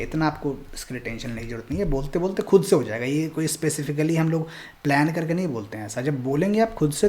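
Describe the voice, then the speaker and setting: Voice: medium pitch, a little mellow. A Korean language teacher giving a recorded online lesson, explaining patiently and reassuringly while switching between Hindi and English.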